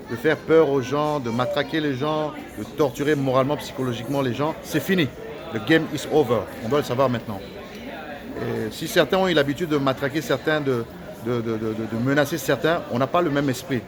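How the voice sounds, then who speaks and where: A man whose first language is Lingala delivers a heated, preachy, accusatory rant in a mid-range voice. He hesitates a lot and repeats phrases many times.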